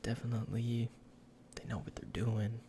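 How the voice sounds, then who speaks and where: A man in an ASMR role-play as a salesman, speaking in a breathy, gravelly soft voice with informal, hesitant explanations. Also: mid-range voice, flat delivery, normal speed, a little hiss or hum. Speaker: ASMR performer playing a cologne salesman.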